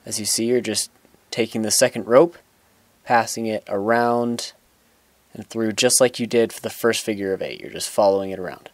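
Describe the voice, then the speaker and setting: This young man's voice sits lowish as he gives a simple knot-tying tutorial on grass outside, moving at a moderate pace with no echo. He explains each step plainly and occasionally starts a sentence over.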